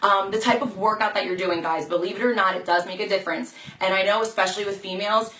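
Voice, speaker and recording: A woman with a hoarse, fading voice, chatting casually and encouragingly to viewers as a fitness coach on a live video. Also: mid-range voice, fairly even intonation, fast, fairly bright tone. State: hoarse, losing her voice. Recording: echoey room, distant mic, some noise.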